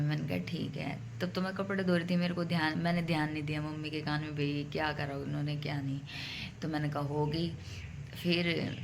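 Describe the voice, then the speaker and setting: A woman's voice: sits low, noisy background. A young woman vlogger casually telling a story at home to her viewers, chatty and direct. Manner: chatty, addresses viewers as bhai.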